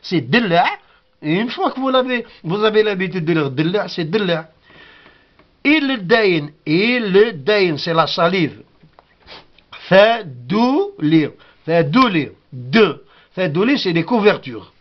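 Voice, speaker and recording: A man's voice: sits high, animated, measured pace, lo-fi sound. A man whose first language is Kabyle gives a patient spoken lesson, repeating each word and sounding it out. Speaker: language teacher.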